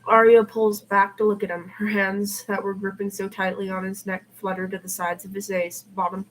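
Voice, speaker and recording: This podfic reader and live streamer delivers fan fiction at a normal pace in a medium-pitched voice that barely moves in pitch. She adds casual asides, and the amateur stream audio is clearly noisy.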